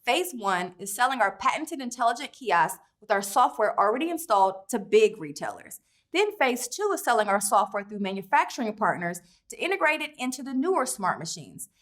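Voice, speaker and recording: A woman with a fairly high voice presents as a company founder. Her delivery is polished and upbeat, in the manner of a scripted promotional interview. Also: very animated, a little fast, fairly bright tone. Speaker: company founder pitching to investors.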